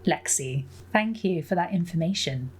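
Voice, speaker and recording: A young woman talks through a game in a relaxed, chatty way, giggling often and reading messages out in a quicker, flatter tone. Her voice sits a little low for a woman. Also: slightly rough. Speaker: gameplay commentator. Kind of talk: let's play commentary reading in-game emails aloud.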